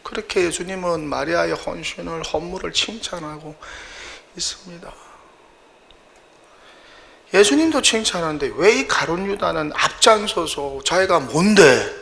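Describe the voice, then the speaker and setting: A man's voice: fairly high pitch, expressive, unhurried, creaky, fairly bright tone. A male pastor preaching a sermon in a church, emphatic and full of rhetorical questions.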